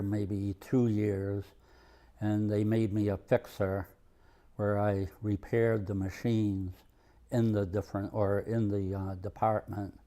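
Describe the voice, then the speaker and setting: Slow, low-key older Maine man. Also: mellow. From Maine, USA. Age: over 65. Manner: halting, plainspoken, understated. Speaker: retired mill worker and museum volunteer. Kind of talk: oral history interview, reminiscing.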